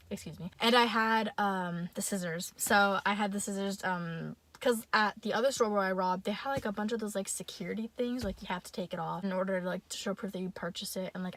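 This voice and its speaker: A woman's voice: medium pitch, fairly bright tone. A young woman vlogger telling a story in casual chat, chatty and full of fillers, swearing freely and talking straight to her viewers.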